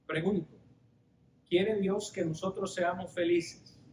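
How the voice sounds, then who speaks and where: A man preaching a Bible study sermon to his congregation in an echoing church hall with a faint rumble behind. His voice sits high and he takes his time, putting question after question to the listeners. He unpacks Greek words patiently. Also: steady tone, darkish tone. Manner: rhetorical, explaining Greek words slowly.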